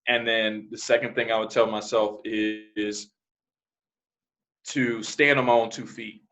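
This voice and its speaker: A man from New Jersey who grew up in Arizona, a podcast guest talking in a relaxed, rambling way with many "you know" fillers. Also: on the low side, unhurried, low-quality recording. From born in New Jersey, raised in Arizona. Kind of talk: casual interview.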